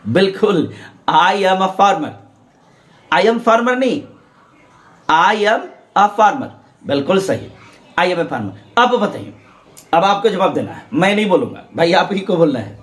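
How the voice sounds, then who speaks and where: This male teacher explains English grammar in Hindi one step at a time, asking his own questions and answering them. His voice is high-pitched and sing-song, a little slow, and he drills students to repeat aloud.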